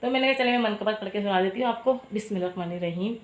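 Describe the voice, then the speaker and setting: A woman racing along in a mid-range voice narrates her home cooking vlog, chatting with viewers and explaining each step in her kitchen while nursing a sore throat.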